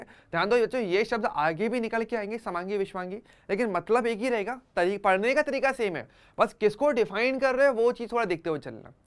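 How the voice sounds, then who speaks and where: A man's voice: high voice, clear, resonant tone. A man teaching an online chemistry class for exam students, conversational, using everyday examples and often checking that students follow.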